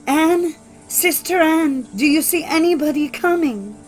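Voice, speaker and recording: Fairy-tale heroine, played by a female reader: young wife in mortal fear, high voice, dramatic, imploring delivery. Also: lively intonation, a little slow, faint music behind, poor audio. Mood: desperate pleading.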